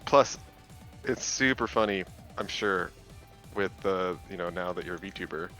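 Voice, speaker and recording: Young man, low voice, deadpan teasing. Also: measured pace, low-quality recording. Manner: deadpan teasing, mock-serious arguing. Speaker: stream co-host. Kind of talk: casual stream chat. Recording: faint music in background.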